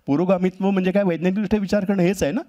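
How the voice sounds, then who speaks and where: A cartoonist giving a wry, humorous storytelling talk on a festival stage. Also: male voice, high voice, fairly even intonation, rapid-fire, mellow, highs cut off. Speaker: cartoonist speaker. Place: live event stage.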